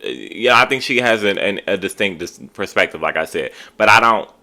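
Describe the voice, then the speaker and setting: A man's voice: fairly low pitch, lively intonation, normal speed, pushed and bright. A man giving casual, opinionated commentary as a reality TV reviewer, talking in an emphatic, slangy, conversational way.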